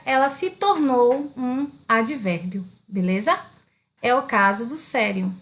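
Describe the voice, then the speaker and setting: A woman's voice: sits high, fairly bright tone. A woman with a Brazilian Portuguese accent teaching an online grammar lesson. She asks questions and answers them herself, often checking in with her students. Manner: keeps checking in with "beleza?" and "tá?".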